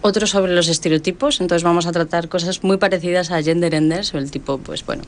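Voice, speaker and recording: A woman's voice: fairly low pitch, quick pace, slight background noise. A woman speaking as an interview guest, casually explaining as an organiser. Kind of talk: casual radio interview, explaining local projects.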